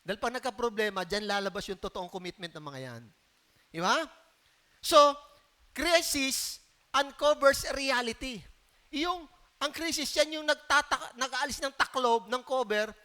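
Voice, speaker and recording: A pastor delivers a lively sermon, often turning to the congregation with a question. His voice sits very high for a man and rings bright and forceful. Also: moderate pace.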